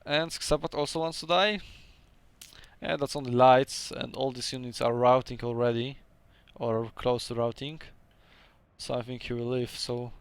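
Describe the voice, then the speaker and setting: A young man with a Polish accent chats casually through his own strategy game match, laughing often and phrasing things hesitantly as a second-language speaker. His voice is medium-pitched and clean, with no echo.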